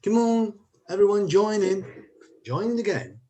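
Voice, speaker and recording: A man's voice: high-pitched, sing-song, moderate pace, warm tone, slight background noise. A man on a video call, hosting a quiz game for students as their teacher, upbeat and coaxing everyone to join in. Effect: heard over a video call. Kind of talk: casual online meeting talk.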